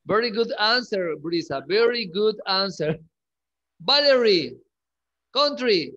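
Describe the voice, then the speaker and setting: A man teaching an English lesson to schoolchildren, repeating each word slowly and clearly. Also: sits high, expressive, bright, forceful tone, dull audio. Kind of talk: online class lesson.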